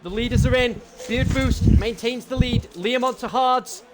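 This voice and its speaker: High-pitched British male motorsport commentator. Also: moderate pace, very noisy. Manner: exclamatory, astonished, repeats phrases for emphasis. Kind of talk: excitable live race commentary.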